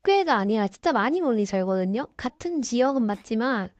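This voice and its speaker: A woman with a sore throat from a cold, speaking through a voice changer in halting, flustered, casual game commentary. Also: on the high side, animated, no echo. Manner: halting, easily flustered, apologetic. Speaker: gaming YouTuber. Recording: dull, lo-fi, dry sound.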